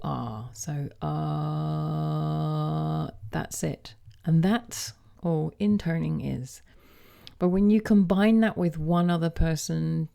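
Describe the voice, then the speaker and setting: A woman gently explaining and demonstrating vocal toning, pausing often with ums as she plays back tracks. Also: deep voice, creaky. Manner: gentle, hesitant with frequent ums.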